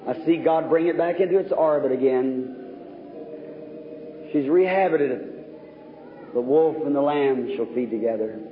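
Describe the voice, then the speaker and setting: A mid-range voice, unhurried and pausing often, belongs to an evangelist fervently exhorting a revival crowd. The setting is a large reverberant meeting hall, and the aged recording is tinny, noisy, and echoey.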